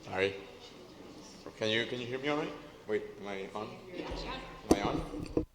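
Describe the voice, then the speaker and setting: A man of around forty from Costa Rica gives a keynote academic lecture in a large lecture hall on a lapel mic, hesitant and filler-heavy with small jokes. His voice is fairly low at normal speed, with heavy background noise and long hall reverb.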